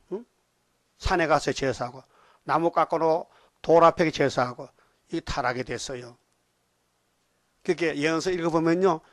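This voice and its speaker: Blunt older Korean pastor with Gyeongsang accent. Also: male voice, on the high side, no room sound, studio quality. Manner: blunt, animated preaching with rhetorical questions to the congregation. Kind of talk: sermon.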